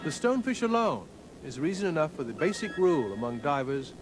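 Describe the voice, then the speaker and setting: A man narrating a scripted nature documentary in a measured, formal storytelling manner. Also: on the high side, very animated. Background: background music.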